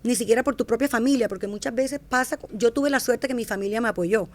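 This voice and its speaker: A fashion entrepreneur guesting on a podcast tells stories casually, her higher voice animated and fast. She's a warm storyteller who acts out quoted speech, often restarting and correcting herself mid-thought.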